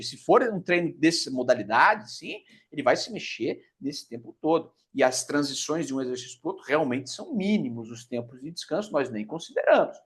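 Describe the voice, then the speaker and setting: Brazilian man, fitness teacher, high voice, lively pitch, emphatic explaining. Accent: Brazilian Portuguese. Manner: emphatic, conversational, frequent "tá?" check-ins. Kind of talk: explanatory lecture.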